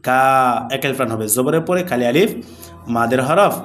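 A man teaching Quran recitation with tajweed rules, explaining patiently and chanting the verses slowly and melodically. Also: medium pitch, lively intonation, soft background music. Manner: slow and deliberate, drawing out recited words melodically; patient, repeats words and asks the class questions.

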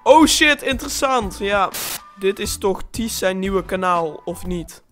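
A teenage boy from Limburg hosting a casual reaction video close to a desk mic. He is animated and exclamatory and swears freely, with music behind him. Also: high-pitched, measured pace. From Limburg, Netherlands. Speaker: YouTuber, host. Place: small bedroom studio, indoors. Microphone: desk condenser mic, close.

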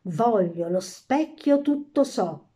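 Brief: bratty, demanding little princess, voiced by a woman reader, raised pitch, storybook. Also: animated, slow pace, mellow, breathy edge, full character voice. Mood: demanding, whiny. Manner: whiny and demanding. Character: spoiled, curious little princess girl.

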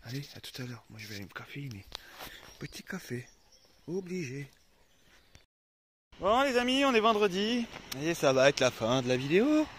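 Speaking at normal speed with big pitch swings and long pauses, a French man with a somewhat high voice vlogs casually from a farm and his van. Just woken and groggy before coffee, he rambles with many fillers and restarts over a little hiss or hum.

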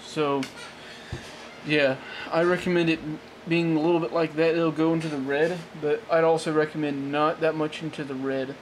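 Male amateur tutorial host, slightly high register, hesitant and self-correcting, casual delivery, faint noise on a handheld camera recording. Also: little pitch movement, rough recording. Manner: halting, rambling, self-correcting. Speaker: amateur tech tutorial presenter. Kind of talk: casual unscripted how-to demonstration. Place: small indoor room at a desk. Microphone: handheld camera, off-screen close behind it.

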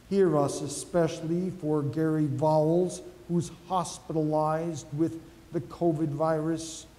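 A male pastor slowly and solemnly reciting liturgical prayers, heard with a long cathedral echo in a large church. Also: a little high, dark tone. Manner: slow, measured, solemn recitation. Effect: cathedral echo, long church reverb. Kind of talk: liturgical prayer and communion rite. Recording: echoey church hall with faint music.

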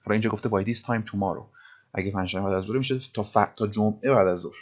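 A man teaching English grammar in a casual, chatty way, reading English phrases out slowly, word by word. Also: lowish voice, fairly even intonation, dull audio. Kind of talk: casual grammar lesson in Persian.

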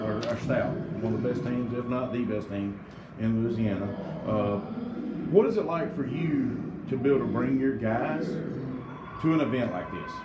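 A man asking questions at a post-game press conference, taking the long way round to each one. His voice sits at a middle pitch and sounds off-mic in an echoey room, with loud noise underneath. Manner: chatty, rambling lead-ins to questions. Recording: roomy distant sound with loud background noise.

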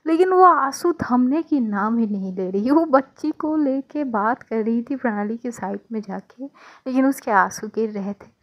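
A woman narrates a serialized romance story in a chatty, conversational way. Her voice sits a little high. The recording is muffled and lo-fi. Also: lively intonation, moderate pace.

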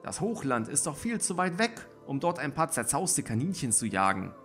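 Brief: sharp-tongued she-cat, man voicing, pitched up. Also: very animated, normal speed, soft background music. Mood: scornful.

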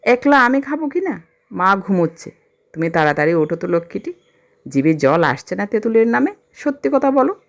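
A woman's voice: medium pitch, very animated, moderate pace. A woman voicing a playful young village husband who teases and coaxes his wife. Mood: teasing. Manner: teasing, coaxing.

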